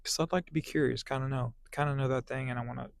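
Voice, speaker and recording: Gravelly guy rambling in his car, lots of ums, dry close mic. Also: mid-range voice, fairly even intonation, fast talker, dry recording. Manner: rambling, filler-heavy talk. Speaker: delivery driver vlogger. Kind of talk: casual vlog chat. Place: parked car. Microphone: small clip-on phone microphone.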